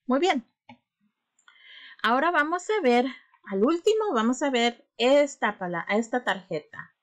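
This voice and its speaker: A woman teaching children a phonics lesson, drawing out syllables slowly and coaxing them to repeat after her. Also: sits high, animated.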